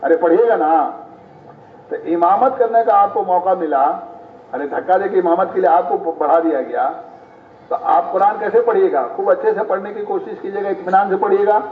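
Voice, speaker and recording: Male preacher from Bihar with a high voice, repeating questions to the crowd, distant, echoey, tinny. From Bihar, India. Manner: quizzes the congregation with repeated questions; repeats each point several times. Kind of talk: sermon. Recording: echoey, distant, tinny phone-like, faint noise.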